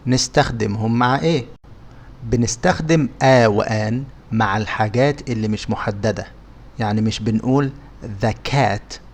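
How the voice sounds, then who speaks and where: A man with an Egyptian Arabic accent, teaching English words in a scripted lesson and pronouncing each example slowly and carefully. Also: fairly low pitch.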